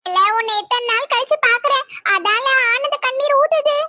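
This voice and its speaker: A woman voicing a doting middle-aged village mother who fusses and cries with joy, in a very high, squeaky cartoon voice. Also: fairly quick, heavy background noise. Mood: tearful doting. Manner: emotional, fussing, crying with joy.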